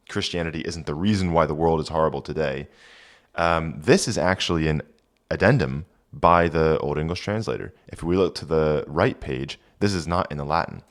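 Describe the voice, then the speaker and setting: A man giving an informal lesson, reading Old English aloud with deliberate pronunciation and translating it as he teaches. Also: rumbling low.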